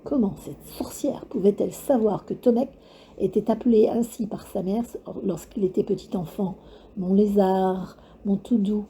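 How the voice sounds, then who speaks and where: Woman reading a kids novel out loud, dark husky voice, steady and suspenseful. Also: mid-range voice. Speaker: narrator. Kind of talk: reading a children's novel aloud.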